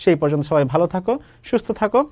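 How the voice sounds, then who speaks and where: A young man from Bangladesh leads a grammar lesson for exam students. His voice sits high and is recorded dry and close, with no room around it. He explains patiently, point by point, often posing a question and then answering it himself. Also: lively intonation, rapid-fire, darkish tone, no echo. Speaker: teacher.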